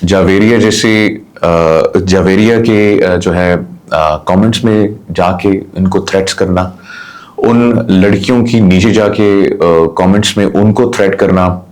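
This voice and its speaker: Man, podcast host, impassioned, lowish voice. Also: slow, darkish tone. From Pakistan. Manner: impassioned, mixes English into Urdu. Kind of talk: podcast discussion.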